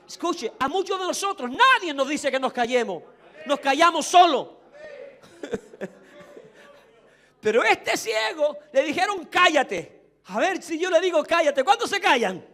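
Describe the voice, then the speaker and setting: High-voiced fervent pastor preaching. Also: male voice, sing-song, measured pace, pauses often. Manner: fervent preaching, swings from hushed to shouting; acts out quoted voices of the crowd. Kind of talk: sermon.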